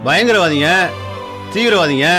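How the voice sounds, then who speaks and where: An actor playing a middle-aged police chief who patiently coaxes and gently teases his mother. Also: fairly high pitch, expressive, moderate pace, over music, natural voice. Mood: coaxing. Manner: patient, coaxing, gently teasing. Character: calm, teasing senior police chief.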